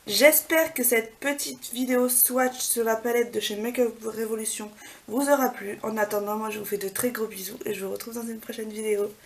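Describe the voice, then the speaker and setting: A woman beauty vlogger, soft-spoken, walking through makeup swatches in a casual way at home and often dropping to a near whisper. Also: fairly high pitch, fairly even intonation, a little fast, gravelly, low-quality recording. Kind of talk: casual product swatch walkthrough. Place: home apartment.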